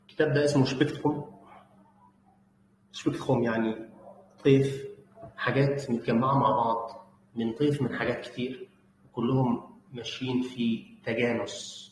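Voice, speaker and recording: A man's voice: medium pitch, level tone, normal speed, pauses often. A man with an Egyptian Arabic accent teaching a German lesson, patiently correcting pronunciation by repeating the words. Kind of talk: online language lesson. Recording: roomy with faint background noise.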